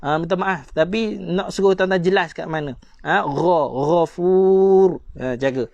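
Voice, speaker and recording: A man's voice: high voice, moderate pace, vocal fry, dry recording, lo-fi sound. A man with a Malaysian Malay accent teaching Quran recitation in a live-streamed lesson, addressing his viewers politely and drawing out letter sounds to demonstrate them.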